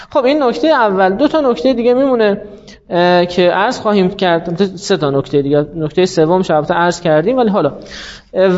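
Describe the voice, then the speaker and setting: A male teacher gives a classroom lecture in a high-pitched voice. He explains each rule step by step, posing rhetorical questions and then answering them. The recording is dull and lo-fi.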